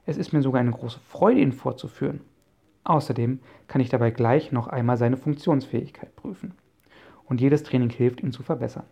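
A man reading a friendly inventor professor in an audiobook, calm and explaining, with a gravelly voice. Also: mid-range voice, moderate pace. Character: friendly middle-aged male inventor professor. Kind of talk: audiobook character voice.

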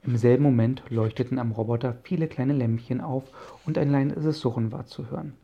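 A man narrating a children's detective audiobook in a steady storytelling manner. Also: medium pitch, fairly quick, gravelly, dull audio. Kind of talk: scripted narration.

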